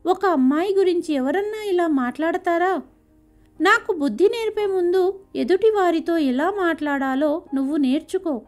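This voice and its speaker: A woman's voice: very high voice, moderate pace, faint music behind. A woman voicing a defiant young man, a grown son who talks back sharply. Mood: angry.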